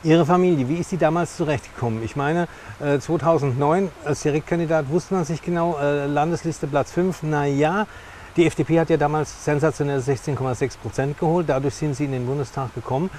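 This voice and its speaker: Presenting a TV interview as host, a middle-aged man stresses his points emphatically through repetition. His slightly high, a little mellow voice moves fairly quickly with fairly even intonation. He's on a lakeside café terrace outdoors, miked with a lapel mic, with clear outdoor noise behind him.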